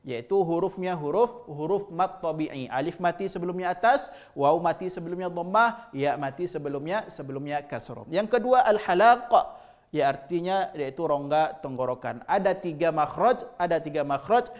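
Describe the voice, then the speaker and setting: A man's voice: fairly high pitch, expressive, moderate pace. A man teaching Arabic letter pronunciation, patiently drilling syllables aloud and repeating each sound. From Indonesia. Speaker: Quran recitation teacher.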